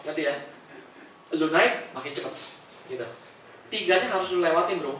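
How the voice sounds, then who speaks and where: A man giving an energetic motivational talk, often asking the audience "right, friends?" in casual slang. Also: a little high, normal speed, slight background noise. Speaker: motivational speaker. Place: large echoey event hall. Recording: echoey hall, far-off mic.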